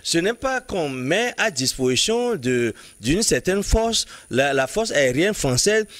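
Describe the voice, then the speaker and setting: A man's voice: on the high side, big pitch swings, fairly bright tone, no echo. A man commenting in a studio political debate, arguing insistently and often restarting words as he builds his point. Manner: halting, restarts words while building an argument; emphatic, insistent reasoning.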